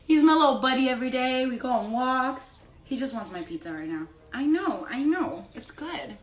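A woman's voice: high-pitched, animated, moderate pace, reverberant. A young woman from South America whose first language is Spanish, chatting casually on a livestream while she eats. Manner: chatty, giggly, talks while eating. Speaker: Instagram live host. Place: home room with pet dog. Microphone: phone or laptop livestream.

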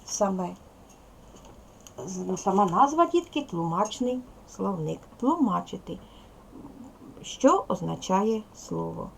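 A woman's voice: mid-range voice, big pitch swings, slow pace, gravelly, pauses often, slight background noise. A woman teaching a recorded lesson to young schoolchildren, patient and step by step, counting aloud and speaking to them as little ones. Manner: addresses pupils as little children. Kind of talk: recorded video lesson for second graders.

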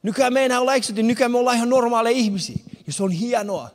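Having moved to Finland from another country in 1991, this man does stand-up in a big concert hall with no audience, telling a story and playing out other people's lines. His voice is very high, and the hall leaves a long reverb on the recording.

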